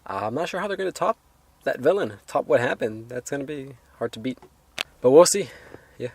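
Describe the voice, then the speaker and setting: Unscripted and loose, a man talks through his take on a film, hesitating and wandering as he qualifies what he says. His voice is medium in pitch, husky and darkish, with lively intonation.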